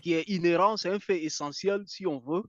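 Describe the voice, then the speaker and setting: A man's voice: sits high, fairly quick, fairly bright tone, no room sound. Insistent man with a muffled, dry sound. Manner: insistent, repeats words while searching. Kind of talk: casual debate chat.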